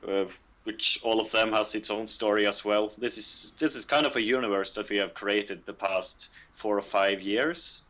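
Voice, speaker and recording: Low-voiced man, halting and thoughtful. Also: bright, forceful tone. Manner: halting, many fillers, laughs often. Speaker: game developer.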